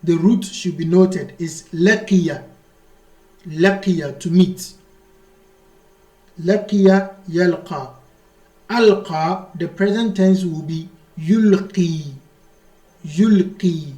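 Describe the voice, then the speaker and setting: A man teaching an Arabic grammar lesson, explaining slowly and repeating himself, reading the Arabic text out quickly before translating it. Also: high voice, dark tone, roomy sound. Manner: slow, repetitive explanation, mixing English with read-out Arabic.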